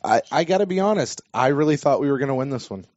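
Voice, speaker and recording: A podcast host who is losing his voice runs a casual sports show, sounding a bit worn as he rambles and restarts sentences. His mid-range voice is animated, quick and a little mellow, and the podcast audio is dull and dry.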